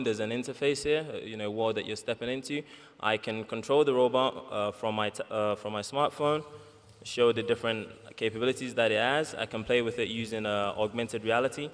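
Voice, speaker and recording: A man from Nigeria, a robotics engineer, demonstrating his robot on a conference panel, halting with many restarts. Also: lowish voice, clear, resonant tone. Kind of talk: live demo and panel talk. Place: large conference hall. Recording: long hall reverb.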